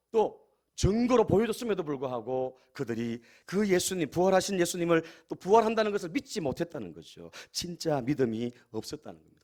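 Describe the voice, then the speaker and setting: A man's voice: on the high side, darkish tone. A male pastor preaching a sermon, often addressing the congregation and asking them rhetorical questions.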